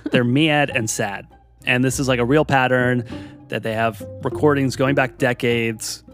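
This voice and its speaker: A man hosting a podcast, explaining things in a lively, playful way. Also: mid-range voice. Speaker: podcast host.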